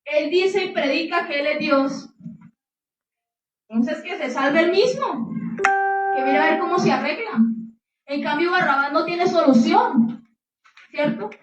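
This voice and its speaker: A woman's voice: sits high, unhurried, long pauses. A woman preacher retelling scripture dramatically during a sermon, with asides to her listeners. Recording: echoey room, distant mic.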